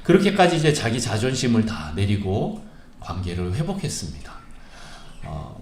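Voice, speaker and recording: A male pastor preaching a sermon, telling a story with frequent "uh" pauses and vivid retelling. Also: on the low side, darkish tone, echoey room, slight background noise. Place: church sanctuary.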